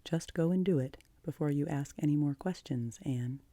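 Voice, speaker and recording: Casting: woman to play a no-nonsense older guardian in a storybook, low and mellow, firm, curt, matter-of-fact. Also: normal speed, no echo. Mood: immovable. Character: stern, practical, unimaginative older guardian woman. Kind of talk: audiobook character voice.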